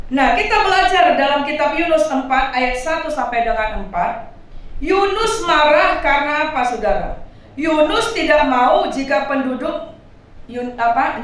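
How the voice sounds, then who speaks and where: A woman pastor with a Medan accent, preaching a sermon in an animated way and calling for answers from the congregation. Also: sits high, a little hiss or hum. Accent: Medan Indonesian. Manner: animated preaching with call-and-response. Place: church hall. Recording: echoey church hall from far off.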